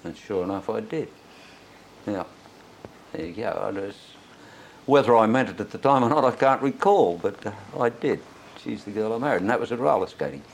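Low-voiced elderly Australian veteran reminiscing. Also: male voice, expressive, normal speed, gravelly, slight background noise, low-quality recording. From Sydney, Australia. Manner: old veteran remembering, rambling and anecdotal. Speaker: interviewee, war veteran. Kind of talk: oral history reminiscence.

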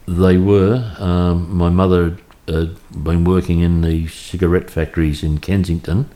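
An Australian man in his fifties, at home in Cremorne, Sydney, reminisces about his childhood in an oral history interview. His low voice is dark and mellow and stays flat and even, and he speaks haltingly and anecdotally, circling back and restarting sentences often.

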